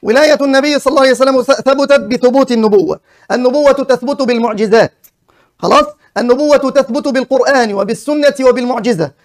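A man's voice: very high-pitched, fast talker. A man in a heated religious debate who speaks in formal phrasing and keeps repeating his demands for an answer.

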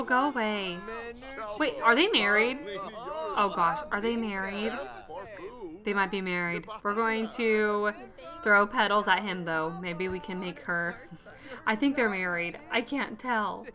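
A young woman hosting a casual gaming video, chatting excitably and urging her game character on. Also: mid-range voice, unhurried. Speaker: gaming channel host. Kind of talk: casual let's-play commentary.

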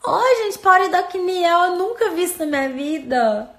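A woman's voice: very high-pitched, animated, moderate pace, fairly bright tone. A woman chatting casually into her phone as an influencer, rambling and playful. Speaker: social media influencer. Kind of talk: casual phone stories chat. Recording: roomy echo.

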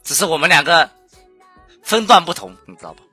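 A man's voice: on the high side, big pitch swings, brisk, bright, forceful tone, breathy edge, faint music behind. A young man streamer on a voice call, comforting a friend in a blunt, rambling way with casual swearing and teasing.

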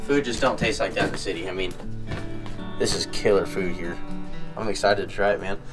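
A man's voice: sits low, fairly quick, over music. A young man vlogging outdoors on a camping and fishing trip, talking casually to a handheld camera in an easygoing way. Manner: easygoing, laid-back, says "man" and "you know" a lot. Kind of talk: casual vlog narration. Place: outdoors at a lake and campsite. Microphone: camera held at arm's length.

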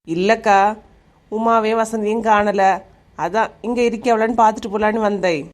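A woman's voice: medium pitch, fairly even intonation, normal speed, natural voice. A woman voicing a playful young village woman with a Kanyakumari Tamil accent, who teases and pleads in a cartoon comedy. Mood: teasing. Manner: teasing, pleading. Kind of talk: animated comedy dialogue.

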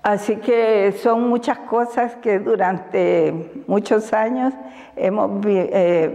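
Slow-spoken older Honduran woman. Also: medium pitch, dark tone, long reverb tail. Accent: Honduran Spanish. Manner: slow, deliberate, reflective with frequent fillers and laughs. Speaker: women's rights defender. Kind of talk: interview answers. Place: indoors in front of a banner. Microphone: lapel mic.

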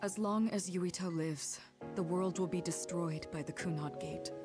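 A woman playing a resolute, gentle young mother in an anime game, composed and earnest. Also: fairly low pitch, normal speed, music in the background, close to an everyday voice. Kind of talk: anime video game dub acting.

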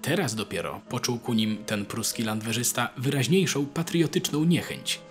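A man reading a classic story aloud as a narrator, in a measured, expressive storytelling manner. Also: mid-range voice. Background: faint music.

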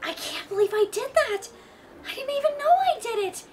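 A woman's voice: extremely high pitch, sing-song, normal speed, very noisy. A woman playing a bubbly, clumsy young princess stuck in her sister's body, hesitant and slipping up in a live-action play-acting skit. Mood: eager.

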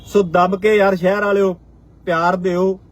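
This farmers' union leader, a Punjabi-accented man in his forties from Punjab, India, gives a fiery address on a live stream. His voice sits high with little pitch movement at normal speed, and he drives his points with repeated rhetorical lines.

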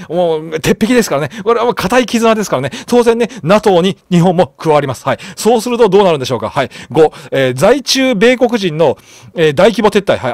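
A man hosting an online commentary channel, reading news items aloud and reacting to them in an excitable way, repeating phrases and thinking aloud with fillers. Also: high-pitched, dry recording, studio quality.

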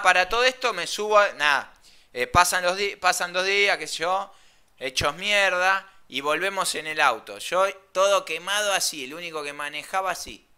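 Young man, Rioplatense Argentine accent, smooth clear voice, high pitch, casual slangy storytelling. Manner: animated, slangy, laughs mid-story. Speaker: streamer telling an anecdote.

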